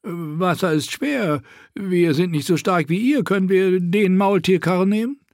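This is a crafty male dwarf slave voiced by a man reading a fantasy audiobook. His voice sits noticeably high and nimble, dripping with sarcasm or slipping into a pleading whine. The sound is dry, with no room around it. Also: unhurried, a little mellow, no echo. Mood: wheedling. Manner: alternates sarcastic orders with servile begging. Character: sly, sharp-tongued male dwarf slave.

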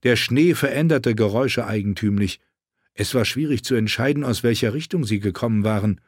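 A male narrator reads a fantasy audiobook in a measured, even manner, with a middle-pitched voice. The sound is close and dry, with no room around it. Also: slightly rough, dry recording. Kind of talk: scripted narration.

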